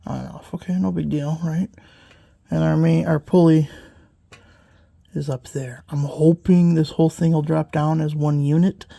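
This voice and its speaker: The host of a repair channel, congested from a lingering cold, casually talks through fixing a mower engine in a workshop. Their medium-pitched voice is creaky and mellow, with fairly even intonation at normal speed, and the delivery rambles with lots of fillers and self-corrections.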